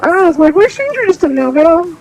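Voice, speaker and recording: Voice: extremely high pitch, very animated, fairly quick, a little mellow, faint music behind, rough recording. A VTuber streamer talking through a voice changer filter, chatting casually with viewers while gaming and often trailing off mid-sentence.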